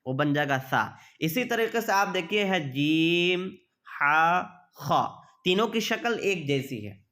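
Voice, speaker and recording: High-voiced man teaching letters patiently. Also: lively intonation, a bit bright. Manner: repetitive, asks questions then answers them. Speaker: Quran reading teacher. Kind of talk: patient spoken lesson.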